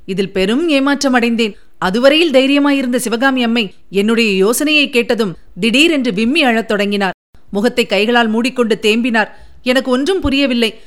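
A woman's voice: on the high side, moderate pace, lightly acted. A woman voicing a loyal, anxious male spy of the king who tells a long account of events. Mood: earnest. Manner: recounting events in a long, steady telling.

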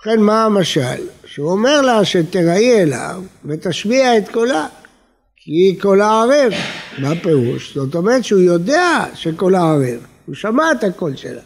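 A man's voice: sits high, sing-song. A man giving a Torah lesson as a rabbi, speaking expressively with rising and falling emphasis. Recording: long reverb of a hall.

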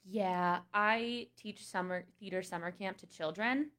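A woman in her twenties, a podcast guest, chatting casually and telling animated, giggly stories. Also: medium pitch, measured pace. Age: 20s. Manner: animated storyteller, giggly, says "like" a lot. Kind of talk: casual chat.

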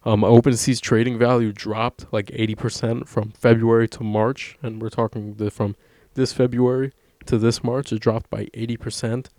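A man's voice: medium pitch, flat delivery, moderate pace, a little mellow, no echo, studio quality. A young man chatting casually on a podcast, rambling and swearing often, with frequent laughs. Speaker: podcast co-host. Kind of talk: casual chat.

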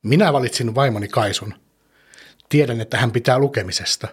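A man hosting a children's podcast, gently telling a story and asking the young listener questions. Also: medium pitch, slightly rough.

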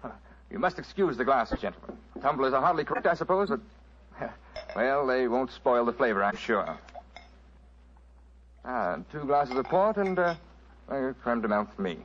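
An actor playing a genial, blasé English aristocrat in exile with an English accent and suave, chatty delivery in an old radio drama. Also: male voice, mid-range voice, lively intonation, normal speed, long pauses, a bit bright, a little hiss or hum, lightly acted. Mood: casual, musing. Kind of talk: 1940s radio drama acting. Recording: dull old radio recording.

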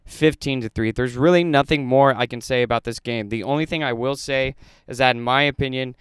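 A man's voice: mid-range voice, fairly bright tone, clear, resonant tone, no echo. A man hosting a solo sports podcast, opinionated and getting fired up as he breaks down the games.

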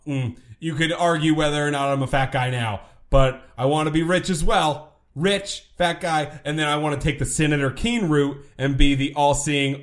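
A man co-hosting a podcast in casual chat, with jokey, mock-dramatic exaggeration. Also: on the high side. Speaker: podcast co-host.

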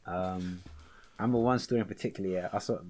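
A young man with a London accent talks casually in a fairly low-pitched voice. His storytelling is animated and packed with slang, as in a relaxed chat between friends. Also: fast. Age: young adult.

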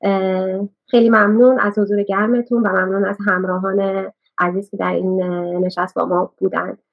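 A woman brings a panel to a close, graciously thanking the speakers and guests. Her mid-pitched voice has a gravelly edge, and the audio sounds dull and lo-fi. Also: little pitch movement. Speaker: panel moderator. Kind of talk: closing remarks at a panel.

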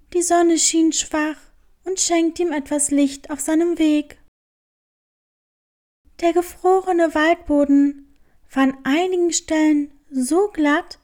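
A woman calmly narrating a children's storybook. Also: sits high.

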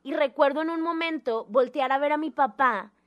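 A young woman with a high voice tells a personal story in casual chat. She talks in an animated, theatrical way and acts out the voices of the people in her story. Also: normal speed, muffled recording. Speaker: guest telling a personal story.

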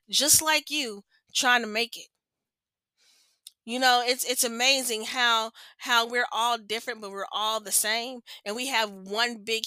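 Earnest, bright-voiced woman podcaster. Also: fairly high pitch, dry recording, low-quality recording. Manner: earnest, impassioned, repeats for emphasis. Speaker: podcast host. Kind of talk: personal opinion monologue.

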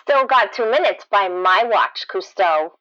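A woman's voice: medium pitch, animated, a little slow, sharp tone, dry recording. An actress playing a wisecracking female prison inmate who talks in dry, sarcastic quips. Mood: wry. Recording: slightly dull, lo-fi sound.

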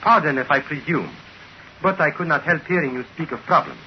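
Sly groveling trinket dealer, voice swoops up and down, old 1940s radio sound with hiss. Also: male voice, a little high, a little fast. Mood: fawning. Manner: fawning, excitable, broken formal speech. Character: obsequious foreign male trinket dealer, sly. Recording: dull old radio broadcast with faint hiss.

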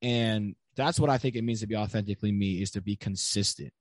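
A man's voice: on the low side, fast talker, no room sound, clean studio sound. Earnest young man telling stories. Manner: earnest, storytelling with lots of "like" fillers. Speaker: podcast guest. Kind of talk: casual conversational interview.

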